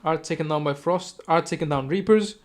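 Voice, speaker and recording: A male esports caster calls a live match in rapid play-by-play, stumbling over words and correcting himself as he goes. His voice sits slightly higher than most men's, and he breaks off into casual asides between the action. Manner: rapid, self-correcting, chatty asides, sudden excited outbursts.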